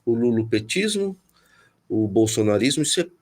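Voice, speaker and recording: His voice is mid-range with a sing-song quality: a Paulistano-accented man from São Paulo city appearing as a guest in a political interview. He thinks out loud, stops to search for words, and frequently starts his sentences over.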